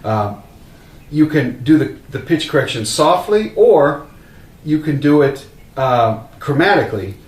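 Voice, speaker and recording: A man casually demonstrating a vocal effects pedal, explaining in a relaxed way with fillers and restarts. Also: fairly high pitch, unhurried. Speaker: product demonstrator. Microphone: open vocal mic at a distance. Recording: roomy, distant mic, faint hum.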